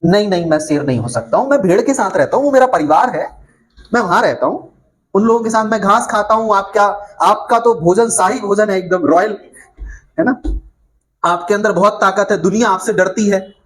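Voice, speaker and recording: A man's voice: sits high, normal speed, natural voice. A man voicing a timid young lion cub who believes he is a sheep, in a pleading, self-belittling way. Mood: meek.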